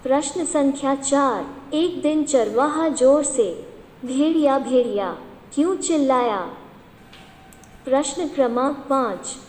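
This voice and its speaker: A high-voiced Indian woman teacher reads questions aloud at a slow, deliberate dictation pace, saying each one more than once. Her voice rings with a long, echoey reverb, as if recorded in a large hard-walled room. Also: a little mellow, slight background noise. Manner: slow, repeats each question several times.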